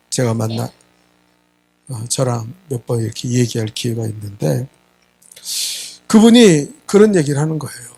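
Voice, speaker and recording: With a medium-pitched, slightly mellow voice marked by vocal fry, a middle-aged pastor preaches on a Sunday. He presses his points emphatically, often nudging listeners with "예?", and dramatizes the quoted voices in his stories.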